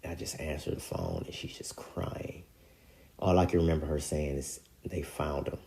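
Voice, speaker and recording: A man's voice: very deep voice, big pitch swings, moderate pace, creaky, mellow. A man telling a painful personal story in casual slang, his voice sinking to near-whispers at the hardest moments. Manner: emotional, drops to near-whispers in heavy moments; casual street slang, repeats filler phrases.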